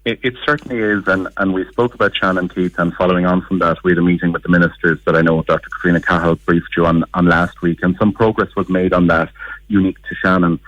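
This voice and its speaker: A man's voice: low voice, fairly bright tone, dry recording, muffled recording. A man giving a radio interview as a business spokesman, speaking in an earnest, articulate way and repeating words for emphasis. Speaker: business chamber chief executive, interview guest.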